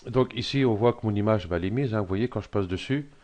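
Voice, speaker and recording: A middle-aged man with a frog in his throat, hesitantly talking through a software tutorial with many fillers. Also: on the low side, fast. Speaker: tutorial presenter. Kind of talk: screen-recorded software tutorial.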